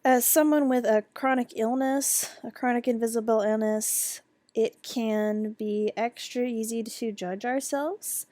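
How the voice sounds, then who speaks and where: A woman guides a meditation in a gentle, unhurried voice that stays level and calm, with little rise and fall. Her delivery is conversational, sprinkled with casual fillers, and the sound is close and dry with no room around it. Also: a little high, no echo.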